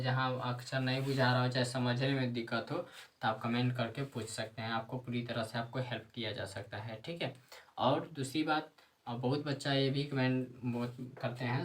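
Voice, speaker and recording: A man's voice: mid-range voice, far from the mic, poor audio. Male Sanskrit tutor, repetitive drilling delivery, mic set back a little. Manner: repetitive, drilling with rhetorical questions. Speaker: Sanskrit grammar teacher. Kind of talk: classroom-style video lesson, reciting word forms.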